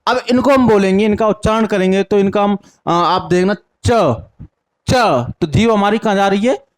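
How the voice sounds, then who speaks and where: A young man teaching a lesson with a north Indian Hindi accent. He asks each question, answers it himself, repeats the answer, and sounds out syllables slowly one by one. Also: high voice. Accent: Hindi-speaking north Indian. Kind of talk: classroom lesson with call-and-response drills.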